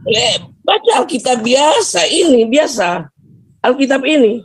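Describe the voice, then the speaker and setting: A man's voice: very high voice, very animated, a little slow, vocal fry, breathy edge, no echo. A man debating on a video call, insistent, repeating short phrases and pushing for his turn to speak. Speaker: guest debater.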